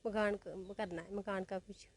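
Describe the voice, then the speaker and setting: A woman's voice: medium pitch, fairly even intonation, measured pace, slightly rough. A mother, interviewed on the street and plaintively asking for help.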